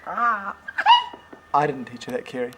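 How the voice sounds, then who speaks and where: A man's voice: medium pitch, fairly even intonation, unhurried, gravelly, heavy background noise. An older man, playfully reading picture books to a toddler at home, with teasing questions and animal noises.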